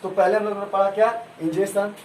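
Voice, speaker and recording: A man's voice: sits high, steady tone, quick pace, a little mellow. A male school science teacher giving a classroom lesson, asking the class questions and having them repeat answers, with homely examples. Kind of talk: classroom lesson with call-and-response. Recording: echoey room, far from mic, noisy.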